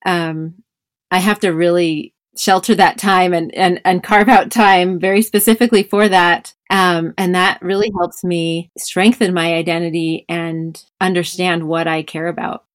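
A woman's voice: lowish voice, fairly even intonation, unhurried, dry recording, studio quality. A woman in her thirties, a mother of five and podcast host, talking reflectively in a casual conversation with many fillers.

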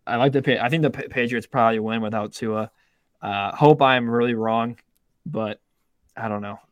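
On a casual sports betting podcast, a young male co-host speaks at medium pitch and a normal pace, rambling in bursts. He keeps interrupting himself, restarting, and swearing occasionally. There's no room sound in the recording.

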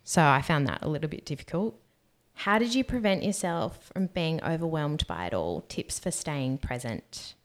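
A young woman co-hosting a podcast, reading out questions and chatting in a relaxed way about staying grounded and good energy. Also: low-pitched, moderate pace. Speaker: podcast co-host. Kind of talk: casual podcast chat.

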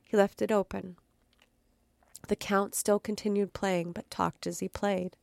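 Gravelly woman reading a dark tale. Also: medium pitch, little pitch movement, unhurried, dry recording. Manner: dramatic reading with occasional stumbles and asides. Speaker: podcast host. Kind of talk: storytelling reading.

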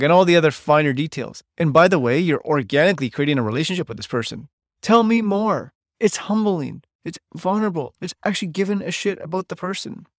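A man's voice: a little high, dry recording, clean studio sound. A middle-aged man hosting a solo podcast, talking bluntly and emphatically and swearing freely. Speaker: podcast host.

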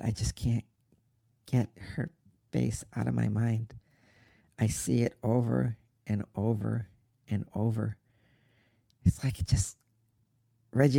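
This is a heartbroken young man, as an actor plays him, speaking in an unhurried, halting drama voice full of sorrow. His tone is creaky with a gravelly edge, and the sound is close and dry. He comes across as a sincere radio-drama lead. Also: mid-range voice, mellow, no room sound. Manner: slow, halting, tearful storytelling. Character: grieving young man mourning his mother. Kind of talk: dramatic monologue.

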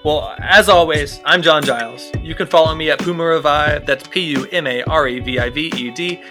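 A man's voice: on the high side, moderate pace, music in the background. A man hosting a casual sports podcast, talking loosely with plenty of fillers and restarts. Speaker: podcast host.

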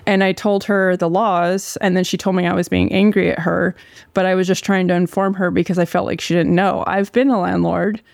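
Casual, candid storyteller, sore throat, creaky gravelly vocal fry, close dry sound. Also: mid-range voice, little pitch movement, a little fast, dry recording. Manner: candid, informal, occasional swearing. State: long-running sore throat.

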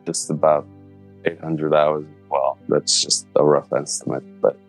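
A man, answering interview questions in a thoughtful, halting way. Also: extremely low pitch, level tone, faint music behind, rough recording. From Slovenia. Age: 30s. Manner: thoughtful, halting, searching for words. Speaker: interviewee, illustrator.

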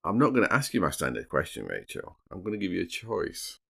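A man with a very low, gravelly voice tells true crime stories as a podcast host. His pitch moves around in a lively way, and he slips into dry, teasing banter between the scene-setting. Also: fairly quick.

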